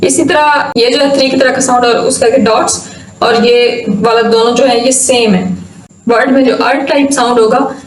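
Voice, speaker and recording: Brief: female phonetics teacher, high voice, careful repetitions, distant echoey room sound. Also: steady tone. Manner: slow, careful, repeats example words. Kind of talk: explaining lesson in Urdu with English examples.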